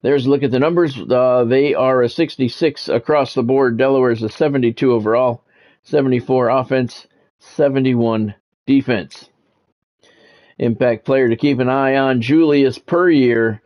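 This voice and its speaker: Here a streamer and play-by-play announcer talks at normal speed, his medium-pitched voice fairly even in intonation and the audio dull. He chats casually through live gameplay, adding sportscast flourishes and musing out loud.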